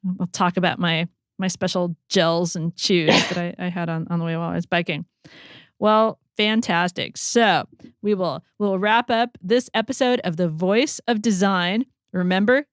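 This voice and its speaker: A woman hosts a podcast in a relaxed, conversational way, speaking at normal speed in a mid-range voice. The recording is dry and clean, with studio-quality sound.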